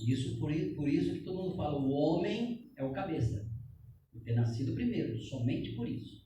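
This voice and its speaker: A man's voice: a little high, animated, brisk, mellow, a little hiss or hum. A man giving a joking, chatty church talk to couples, often tagging lines with "né?". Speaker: speaker at a couples' meeting. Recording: echoey hall, voice from far off.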